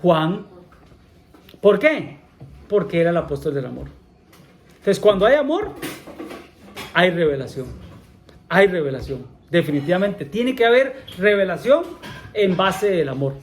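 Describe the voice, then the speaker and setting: A man's voice: sits high, sing-song, unhurried, long pauses, a little hiss or hum. A man preaching a sermon in a church, often repeating himself, asking the congregation questions and saying amén between points. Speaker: pastor.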